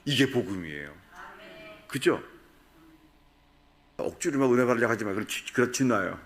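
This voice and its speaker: A man's voice: mid-range voice, lively intonation, normal speed, a bit bright. A man preaching a sermon at a prayer retreat, asking the congregation questions and acting out quoted voices. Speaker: pastor.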